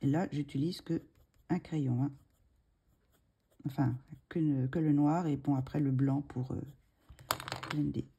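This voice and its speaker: Slow and steady, this woman speaks in a low, gravelly, dark voice with a breathy edge and frequent pauses. She hosts a coloring tutorial, talking casually while drawing, hesitant and full of fillers and restarts, murmuring asides with a slight frog in her throat.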